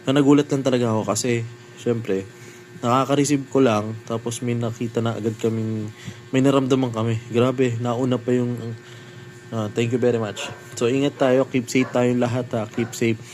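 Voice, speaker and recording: A man chatting casually to his viewers while showing a phone screen, excitable and talkative. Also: medium pitch, normal speed, a little hiss or hum, poor audio. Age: adult with a child. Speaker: phone reviewer vlogger.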